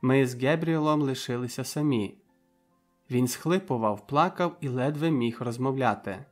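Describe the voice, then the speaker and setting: A man reading an audiobook in a measured, dramatic first-person narration. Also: medium pitch, a little mellow, faint music behind. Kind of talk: scripted narration.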